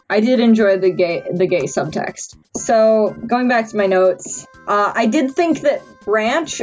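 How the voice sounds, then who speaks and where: A woman who has been drinking delivers a rambling, mock-serious review at an average pitch. She halts and stumbles as she works through her notes. The sound is slightly dull and lo-fi, with music underneath. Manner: halting and stumbling, mock-earnest analysis. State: tipsy, drunk. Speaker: amateur movie reviewer.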